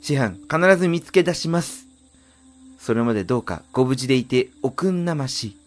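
A man's voice: mid-range voice, lively intonation, moderate pace, voice pushed up, close to an everyday voice. A man voicing an earnest junior onmyoji apprentice in a game, with polite, theatrical, old-fashioned speech. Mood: determined. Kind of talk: game dialogue read in character. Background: game music.

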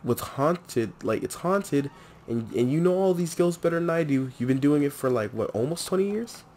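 Excitable young man narrating gameplay. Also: a little high, moderate pace, a little hiss or hum. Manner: excitable, chatty, talks to the game characters. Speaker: let's play host. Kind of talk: casual gameplay commentary.

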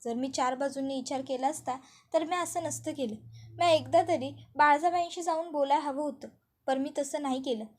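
A woman's voice: sits high, fairly quick, darkish tone, lightly acted. A woman voicing a remorseful young village woman who speaks in rural village dialect, within a TV serial recap.

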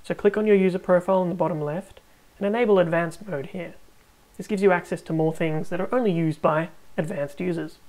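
A woman hosting a tech tutorial, narrating a screen recording with calm, step-by-step instructions. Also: fairly low pitch, a little fast, rough recording.

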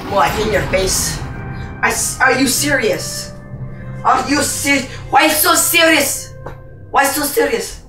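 Woman gamer host, high and bright, jokey self-announcing play-by-play, sounds set back from the mic in a roomy space with faint music behind. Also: far from the mic. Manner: jokey, rambling, plays announcer to herself. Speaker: gaming channel host. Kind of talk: playful gameplay commentary. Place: indoors, playing a VR game.

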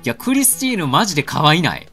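A man with a Kansai accent doing let's-play commentary, joking crudely and getting excited. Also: a little high, fast talker, faint music behind. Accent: Kansai Japanese. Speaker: game commentator.

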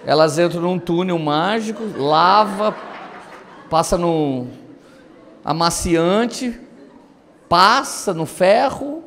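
A high-pitched man preaches a sermon in a long-echoing church hall, spinning lively, humorous stories. His voice rings out across the room with a faint hum of ambience behind him. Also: slow, pauses often. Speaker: pastor. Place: church auditorium.

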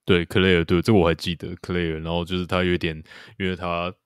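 A man's voice: deep voice, little pitch movement, brisk, clear, resonant tone, no room sound, clean studio sound. A man co-hosting a podcast, chatting casually about a TV series with lots of fillers and repeated agreement. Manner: loose, rambling, many fillers and repeated agreement. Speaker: podcast co-host.

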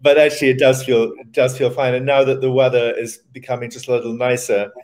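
An older man talking on a video call from a room at home, relaxed, wry and reflective as a theatre director being interviewed. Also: mid-range voice, fast talker. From Scotland. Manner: wry, reflective, chuckles at himself. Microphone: webcam on video call.

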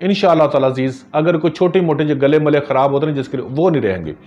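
This middle-aged herbalist addresses a stationary camera from his desk with earnest gestures, guiding viewers through a home remedy peppered with religious expressions. His pitch is slightly raised and his tone a little mellow, at a quick pace. The recording is muffled, with the acoustics of a small office hung with framed photos.

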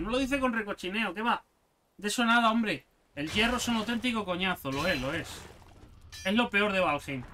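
A man giving casual gameplay commentary, excitable and sarcastic, swearing often. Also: high-pitched. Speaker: gaming youtuber.

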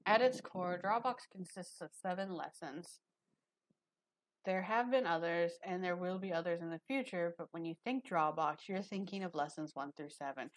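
A woman's voice: on the low side, moderate pace, rough recording. A woman streamer casually reading a drawing lesson aloud, with chatty, rambling asides.

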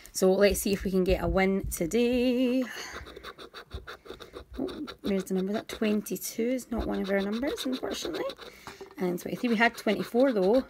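A woman chatting casually as a vlog host, calling out numbers a bit like a bingo caller. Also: mid-range voice. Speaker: host of scratchcard videos. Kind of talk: casual vlog commentary while scratching lottery cards. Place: indoors at a table. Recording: home recording with background noise, scratching.

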